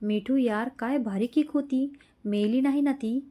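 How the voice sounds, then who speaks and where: Brief: woman narrator doing a blunt, impatient young man in an audio story, mellow voice. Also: fairly high pitch, unhurried, close to an everyday voice. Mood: excited. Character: hot-tempered young man friend.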